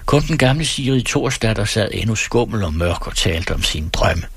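A man reads a story aloud on a radio program, calm and measured. His voice sits low with a husky grain, and the studio sound is dry and close. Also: dry recording. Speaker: radio host reading stories. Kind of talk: reading fiction aloud.

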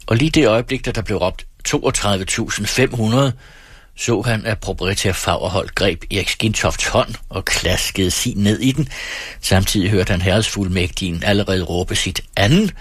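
A man narrating an audiobook in a steady, measured reading. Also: on the low side, breathy edge, no room sound, studio quality. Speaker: audiobook reader.

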